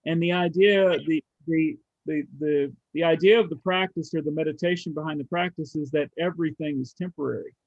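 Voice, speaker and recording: Gravelly man with halting speech. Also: fairly high pitch, fairly even intonation, dry recording. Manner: halting, many restarts, thinks aloud. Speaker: study group member. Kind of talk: casual group discussion. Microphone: video call. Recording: muffled video call audio.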